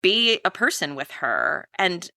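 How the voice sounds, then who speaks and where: Woman podcast co-host, lowish bright voice, animated film recap, slips into character voices. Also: vocal fry. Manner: animated, acts out characters' lines in quick voices. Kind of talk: casual chat recapping a film.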